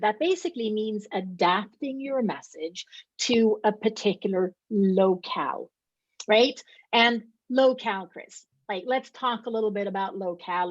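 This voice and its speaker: Being interviewed as a company co-founder, a middle-aged Swedish woman speaks at a typical female pitch. Her answers are explanatory and emphatic, punctuated by a frequent rhetorical "right?". The sound is dry, slightly dull and lo-fi like a call, without any room sound.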